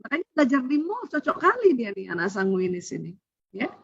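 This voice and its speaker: Lively woman giving a parenting seminar. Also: a little high, fast talker, vocal fry, husky, no echo. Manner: animated, chatty, laughs often. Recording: dull lo-fi sound.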